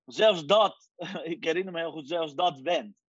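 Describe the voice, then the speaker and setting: A man in his forties from Iran, a guest telling his life story in a lively casual way, sprinkling in English phrases. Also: fairly high pitch, measured pace. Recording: dry, dull lo-fi sound.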